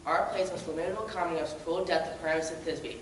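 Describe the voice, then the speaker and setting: A fussy workman handing out parts, acted by a woman speaks in a lowish, bossy voice. The sound is distant and very roomy. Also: steady tone, fast, noisy background, natural voice. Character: fussy workman organizing a play. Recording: echoey hall, far mic.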